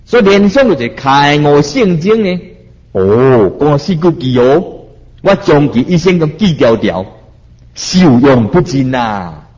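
A man with a Taiwanese Hokkien accent gives a Buddhist sermon, chanting verses slowly and then explaining them with rising exhortation. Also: a little high, big pitch swings, darkish tone, dull audio. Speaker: Buddhist preacher.

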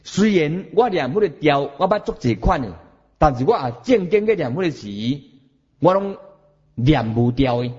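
A man with a Taiwanese accent giving a Buddhist sermon, animated, chanting examples and questioning his listeners. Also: on the high side, moderate pace, husky, dull audio. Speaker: Buddhist teacher.

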